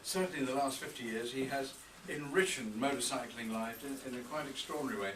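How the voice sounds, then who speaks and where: An older man gives a birthday tribute speech in a hotel reception room, an after-dinner talk full of anecdotes delivered with dry humour at a storytelling pace. His mid-range voice comes quickly. The recording is roomy and distant, picking up a noisy function room.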